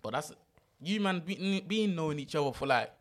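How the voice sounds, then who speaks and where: A man's voice: on the high side, lively intonation, moderate pace. A young man with a London urban street accent, chatting casually with friends in slangy roadman talk. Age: young adult. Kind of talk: casual group chat.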